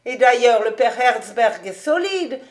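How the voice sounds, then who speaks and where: A woman's voice: a little high, animated, unhurried, pitched above the performer's own voice. A woman voicing a kindly old male rabbi who talks earnestly and pleads fondly, in an audiobook reading. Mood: pleading.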